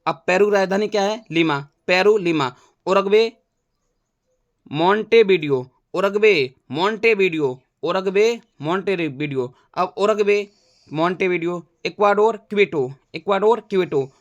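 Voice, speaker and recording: A man's voice: sits high, a little slow, no echo, highs cut off. A male teacher giving an exam-prep general knowledge lesson, repeating names and making playful wordplay memory tricks.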